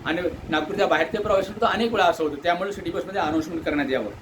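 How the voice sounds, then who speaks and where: A man from delivers an earnest complaint monologue, asking indignant rhetorical questions and mimicking shouted orders. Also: high-pitched, racing, noisy background. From India. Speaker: Buddhist monk airing commuter complaints. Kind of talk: direct-to-camera complaint monologue.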